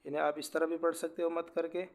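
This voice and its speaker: A man teaching Quran recitation, spelling out letters and vowels, who explains quickly and then recites slowly and drawn out. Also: a little high, completely flat delivery. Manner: rapid explanations alternating with slow, drawn-out recitation. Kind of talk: tajweed lesson, spelling out letters.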